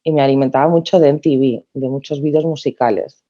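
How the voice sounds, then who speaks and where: A woman in her thirties from Spain, a podcast guest telling her story in a lively way with many restarts. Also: a bass voice, brisk, lo-fi sound. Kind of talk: casual podcast interview.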